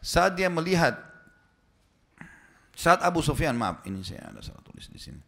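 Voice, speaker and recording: Male preacher, slightly high voice, colloquial storytelling, history lecture, sketching as he explains. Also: wildly swooping pitch, normal speed, creaky, fairly bright tone. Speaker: Islamic preacher.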